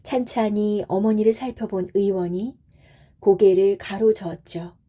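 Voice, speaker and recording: A woman narrating a bedtime folk tale in a soft, soothing, gentle way. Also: mid-range voice, a little slow. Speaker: storyteller.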